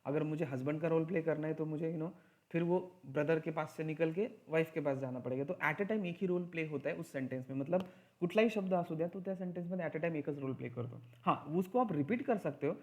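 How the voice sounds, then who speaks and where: A man teaching an English grammar lesson in Hindi mixed with English, slowing down to stress key points. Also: a little high.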